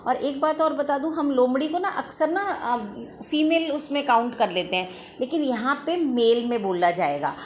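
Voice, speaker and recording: A woman teacher reads a children's story slowly in English and explains each line at length in Hindi. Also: high voice, lively intonation, a little hiss or hum. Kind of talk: bilingual storybook lesson.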